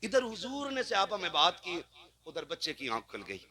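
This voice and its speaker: A man from India preaching an emotional storytelling sermon, delivering it with passion that builds toward shouts. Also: high-pitched, very animated, moderate pace, crowd noise. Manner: impassioned, rising to shouts.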